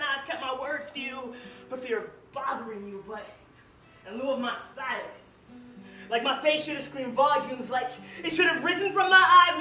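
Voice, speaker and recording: A woman's voice: sits high, bright, forceful tone. A young woman from Ohio performing spoken word poetry in a small venue, emphatic and emotional, with lots of "like"s. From Cleveland, Ohio. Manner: emotional, emphatic delivery with many "like"s. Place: small live music venue. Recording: roomy echo, heard from a distance.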